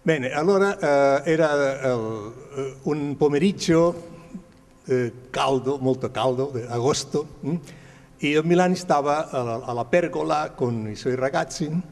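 A man in his seventies from Spain, a native Spanish speaker with a Spanish accent, haltingly searching for words as he shares recollections with an audience through a handheld microphone. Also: medium pitch. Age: 70s. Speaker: guest speaker. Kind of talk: informal recollection addressed to an audience. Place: large glass-walled hall, indoors. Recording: echoey hall over a PA.

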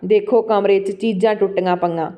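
A woman voicing a troubled young wife, fearful and pleading, in a soft storytelling read. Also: medium pitch, fairly even intonation, normal speed, natural voice. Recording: dull lo-fi recording.

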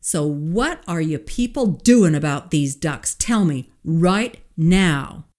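A man's voice: on the high side, unhurried, close to an everyday voice. A woman doing a drawling, blustering oil boss. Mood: demanding. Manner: drawling, yelling.

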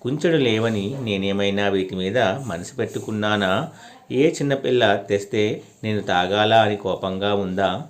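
A man's voice: fairly low pitch, unhurried, lightly acted. A man voicing a little girl who coaxes and pleads with a deity in a devotional story. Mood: pleading. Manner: pleading, coaxing.

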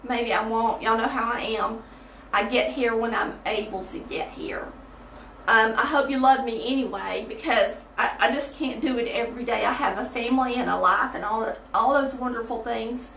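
A woman's voice: on the high side, a bit bright, distant mic. A woman leading a folksy, chatty Bible study, her voice ringing hollow off the walls of a small bathroom. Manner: chatty, folksy, talks straight to viewers. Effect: echoing, hollow room sound. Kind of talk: casual livestream Bible study. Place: small tiled bathroom, indoors. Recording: echoey bathroom, off-mic, faint hiss.

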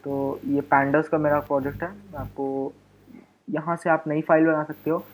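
Indian guy rambling thru a coding tutorial, kinda high voice, lots of uh and restarts. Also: little pitch movement, measured pace, slight background noise. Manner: chatty, mixes Hindi and English, many fillers and restarts. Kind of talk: casual screen-recorded tech tutorial.

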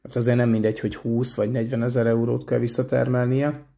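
A man rambling conversationally in a casual vlog, pausing often with hesitation fillers. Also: medium pitch, level tone, vocal fry, warm tone, dry recording, clean studio sound. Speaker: delivery van driver vlogger.

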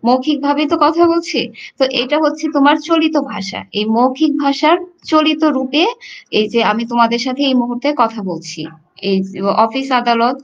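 A woman's voice: high-pitched, moderate pace, slight background noise. A woman teacher from Bangladesh explaining a lesson to her students, addressing them directly with frequent fillers. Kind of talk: online class lecture. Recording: dull lo-fi audio.

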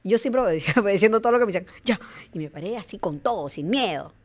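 A woman's voice: medium pitch, expressive, rapid-fire. A woman, telling stories as a podcast guest, full of "o sea" and tag questions. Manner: chatty storyteller, lots of "o sea" and "¿no?". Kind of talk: casual interview chat.

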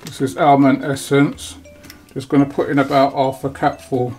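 A man's voice: medium pitch, little pitch movement, normal speed, a little mellow, breathy edge, faint music behind. A man hosting a home cooking video, talking through each step in an easygoing way while he works in his kitchen. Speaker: cooking channel host. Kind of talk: casual cooking demonstration.

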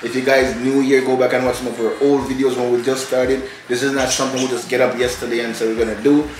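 A man's voice: medium pitch, level tone, fast, roomy sound, a little hiss or hum, low-quality recording. A man in his thirties co-hosting a family vlog, talking playfully to viewers and calling them guys. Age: 30s. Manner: playful, addresses viewers as guys, says you know what I'm saying. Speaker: vlog co-host, father. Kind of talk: casual chat to camera. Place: indoor room in front of a lattice-patterned wall.

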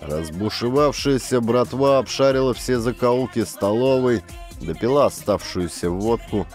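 A man reading an audiobook in steady, dramatic scripted narration. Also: mid-range voice, a little slow. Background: faint music.

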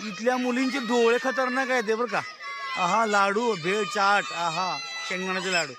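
Man, Marathi accent, cheerful vlog commentary, outdoor school fair, chattering crowd, loud background noise. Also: high-pitched, normal speed. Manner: cheerful, exclaims often, asks children their names. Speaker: reporter touring a school market. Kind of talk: casual walkaround vlog commentary.

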